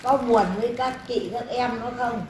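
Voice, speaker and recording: A woman acting as a spirit medium, speaking as a deceased mother, in a scolding, motherly, rapid way. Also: fairly high pitch, steady tone. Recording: echoey room with background noise.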